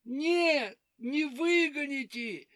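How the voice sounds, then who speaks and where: A woman voicing a timid, tearful little male hare who complains in a high, hurried voice. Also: lively intonation, fairly bright tone, dry recording, studio quality, exaggerated voice. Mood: plaintive.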